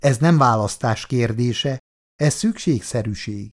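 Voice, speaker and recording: Brief: man reading as a cold, commanding woman leader, low and clipped, storybook. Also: close to an everyday voice. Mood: grim, commanding. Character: stern female colony leader, cold and commanding.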